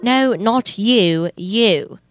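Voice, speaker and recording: Playing an easily irritated, businesslike male detective in an old-time radio comedy, a young woman questions people in a flat, deadpan manner. She speaks at mid pitch and stretches her words out, with music playing underneath.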